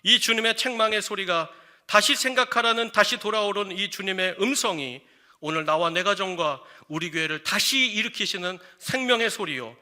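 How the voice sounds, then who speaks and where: Bright, high-voiced preaching pastor. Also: male voice. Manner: storytelling sermon, acting out quoted voices with dramatic drops. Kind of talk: sermon.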